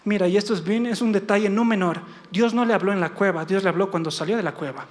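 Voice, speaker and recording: High-voiced preacher, impassioned sermon. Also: male voice, fast talker. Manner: impassioned, calls out to congregation, acts out God's voice.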